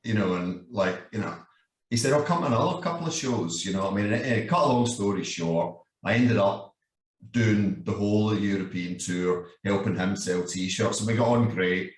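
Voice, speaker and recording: Speaking at a normal speed in a lowish voice, this Glaswegian man in his fifties is a guest in a relaxed, sweary conversation, telling a story, laughing a lot, and often adding "you know what I mean." The mic is far away, giving the recording a roomy sound.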